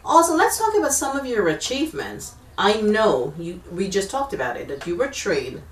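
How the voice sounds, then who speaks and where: A woman's voice: mid-range voice, very animated, normal speed, slight background noise. A woman hosting a TV talk show, asking chatty questions and praising her guest. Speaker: TV host and MC. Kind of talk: interview host. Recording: echoey room, far from the mic.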